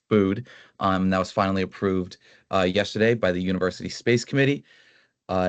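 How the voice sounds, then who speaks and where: A young man with a low voice gives a casual report to a meeting, leaning on fillers as he goes. The sound is dry and a bit dull, like a computer mic on an online call. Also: no room sound. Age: young adult. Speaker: student body president.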